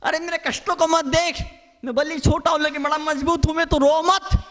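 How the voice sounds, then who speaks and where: A man's voice: very high-pitched, fairly even intonation, a little fast, pushed and bright. A man voicing a brave young boy facing martyrdom who comforts his elder brother defiantly.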